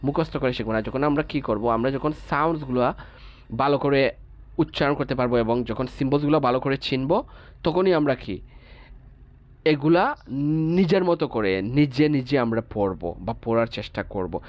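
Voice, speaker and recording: A man's voice: medium pitch, normal speed, dry recording, muffled recording. A man teaching English pronunciation in an online class, breaking words into single sounds, repeating them and checking in with the students.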